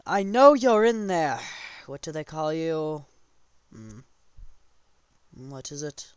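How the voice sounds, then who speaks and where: A man's voice: a little high, takes it slowly, darkish tone, clean tone, no room sound, studio quality. A man voicing a menacing fantasy king. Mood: taunting. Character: menacing male fantasy king taunting his quarry.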